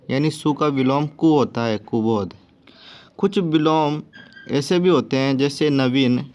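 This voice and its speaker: Slow, measured male Hindi teacher. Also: mid-range voice. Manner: steady listing of word pairs. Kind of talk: spoken grammar lesson. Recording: dull lo-fi recording.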